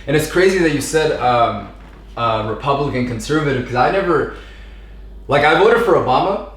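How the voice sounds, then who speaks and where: A man in his thirties from Southern California, guesting on a podcast, rambles easily in a mid-pitched, expressive voice at a moderate pace, full of fillers and slang. The casual conversation echoes noticeably around the room, with slight background noise.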